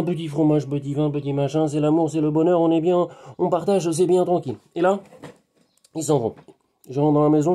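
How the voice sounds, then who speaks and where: A French hypnotherapist vlogger with a fairly high voice talks to camera from his garden, background noise audible. His monologue rambles, repeats itself, and is animated, addressing the viewer like a close friend.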